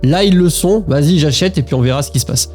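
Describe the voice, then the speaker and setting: A man with a mellow, warm voice talks in a relaxed, chatty way straight to the viewer. He hesitates often while walking through charts on screen. Soft music plays faintly underneath. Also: a little high, quick pace. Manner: chatty, speaks directly to the viewer, frequent hesitations. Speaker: investing vlogger. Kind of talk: casual talk to camera while screen-sharing charts.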